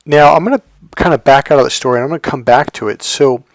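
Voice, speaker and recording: Higher-pitched American man telling personal stories. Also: quick pace, dry recording, faint music behind. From California, United States. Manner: conversational, digressive, addresses viewer directly. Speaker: dating coach telling personal history. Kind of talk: casual autobiographical storytelling to viewers.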